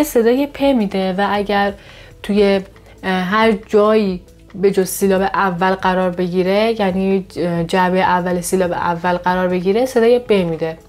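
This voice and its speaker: A woman teaches a pronunciation lesson in a patient, step-by-step way. She pauses to pronounce each example word carefully, often a bit higher and brighter than her explaining voice. Soft music plays faintly behind her. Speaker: Korean language teacher.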